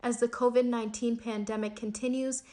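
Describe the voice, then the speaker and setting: Higher-voiced young woman reading news. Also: level tone, fairly quick, dark tone. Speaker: student news reporter. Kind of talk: scripted news narration.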